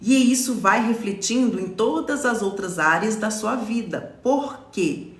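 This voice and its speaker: A Brazilian lawyer in her forties hosts a live stream, explaining things chattily to her followers, often pausing to read comments and checking in with "tá?". Her fairly high voice has lively intonation and a measured pace, with reverberation around it.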